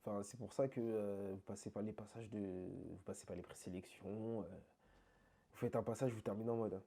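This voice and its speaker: A man being interviewed about dance, talking in an animated, emphatic, slangy way. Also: fairly low pitch, fairly quick. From France. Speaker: interview guest, krump dancer. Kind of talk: casual conversational interview.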